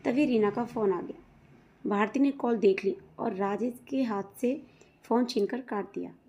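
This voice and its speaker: A woman storyteller reading a moral family story aloud in a steady, plain way, and asking her viewers to comment and subscribe. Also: a little high, a little slow, slightly rough. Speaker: storyteller, channel host. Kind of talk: storybook narration.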